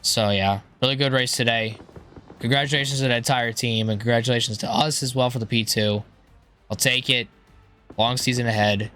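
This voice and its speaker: A man with a hoarse, strained voice giving casual, rambling gameplay commentary, thinking aloud in an informal way. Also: medium pitch, steady tone, brisk, sharp tone, faint music behind. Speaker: gaming YouTuber.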